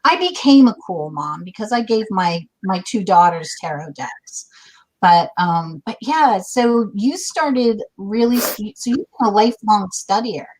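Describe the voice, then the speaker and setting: A woman's voice: medium pitch, lively intonation, a little slow, few pauses, a little mellow, poor audio. Bubbly chatty woman hosting a livestream. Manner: bubbly, effusive, chatty with fillers. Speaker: host. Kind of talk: casual livestream chat.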